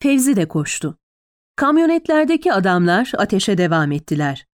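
Woman, dramatic audiobook narration, lively rising and falling pitch, dry close sound. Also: normal speed, dry recording. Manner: tense, dramatic storytelling.

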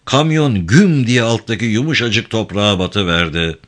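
A man reading a novel aloud in a dramatic, measured audiobook narration. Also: lowish voice.

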